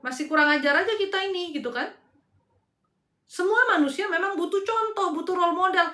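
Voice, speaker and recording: A woman's voice: extremely high pitch, fairly quick, bright, forceful tone, roomy sound. A woman hosting a live spiritual advice talk, exhorting her listeners directly in a casual, slangy way. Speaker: host and spiritual counselor.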